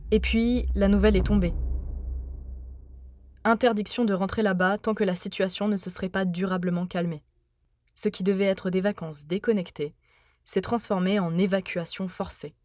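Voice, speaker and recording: A young woman from France narrating her own podcast in an earnest, measured, personal way. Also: mid-range voice, a little mellow, no room sound, clean studio sound. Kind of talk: scripted first-person narration.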